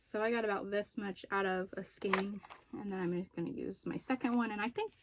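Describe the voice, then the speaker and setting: A woman vlogger chatting casually as she shows her craft projects, slightly out of breath after being sick and pausing to recall details. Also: mid-range voice, steady tone, background noise. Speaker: crochet and knitting vlogger. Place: room at home with poor lighting.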